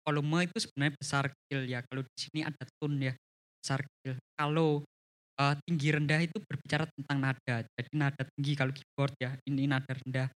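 A man teaching a church leadership class on communication. He is lively and often tags his sentences with a questioning "ya". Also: a little fast. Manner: animated, frequent rising pitch, tags sentences with "ya".

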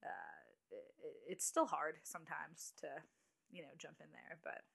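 A woman's voice: low voice, sing-song, creaky, fairly bright tone, husky. A woman in her late twenties, a guest on a podcast, chatting casually and restarting her sentences often. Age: 20s. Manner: chatty, halting with restarts and little laughs. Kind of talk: casual chat.

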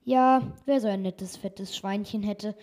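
A woman voicing a naive, cheerful young man in a storybook reading, with a husky voice and a simple-hearted, easily pleased manner. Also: medium pitch, unhurried, darkish tone, natural voice. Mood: content.

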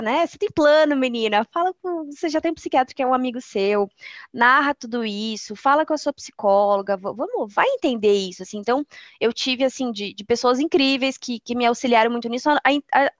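A woman's voice: high-pitched, dry recording, muffled recording. A woman chatting candidly, rambling with many restarts and quoted speech. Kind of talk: casual personal chat.

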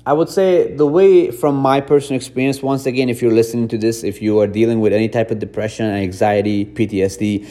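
A man's voice: mid-range voice, steady tone, a little fast, few pauses, dark tone. A man who grew up in Afghanistan, hosting a podcast and talking earnestly to listeners in a reflective self-help monologue, often repeating himself. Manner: earnest, repetitive, addresses listeners directly. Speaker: podcast host.

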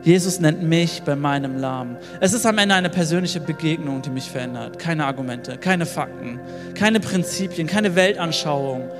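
A man's voice: a little high, normal speed. A man preaching a sermon with emphasis, repeating phrases and building long lists. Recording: long hall reverb with soft music.

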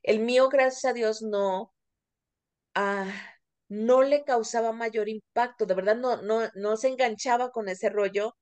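A woman's voice: fairly high pitch, fairly even intonation, measured pace, a little mellow, smooth. A middle-aged Mexican woman co-hosting a podcast, talking candidly and casually with plenty of fillers. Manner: candid, confessional, many fillers. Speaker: podcast co-host.

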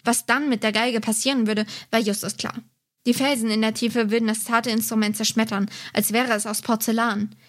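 A woman reading a detective story aloud in a steady, measured way. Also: on the high side. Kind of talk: reading a novel excerpt aloud.

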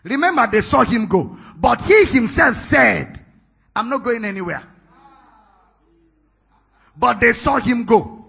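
A Nigerian man preaching a sermon in a church, teasing the congregation with questions and then building to shouted climaxes. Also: extremely high pitch, lively intonation, slow, vocal fry, long pauses, husky. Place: church hall, large, indoors.

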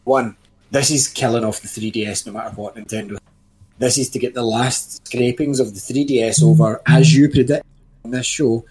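A man's voice: mid-range voice, steady tone, normal speed, darkish tone. A man in his thirties co-hosting a casual video game podcast, blunt and jokey, swearing freely and talking over his co-host. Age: 30s. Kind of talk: casual chat.

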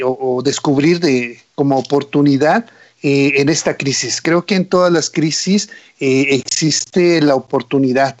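Host: a Mexican Spanish-accented man, middle pitch, halting filler-heavy intro, dry close sound. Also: no room sound. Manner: hesitant, many fillers. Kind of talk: talk show introduction.

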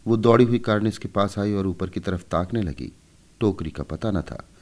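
A man narrating a story in an expressive, measured storybook reading. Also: fairly low pitch.

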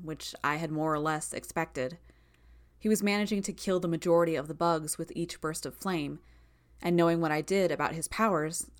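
A woman with a notably low-pitched voice narrates a first-person audiobook. Her delivery is steady and measured, with tense asides as the story moves along.

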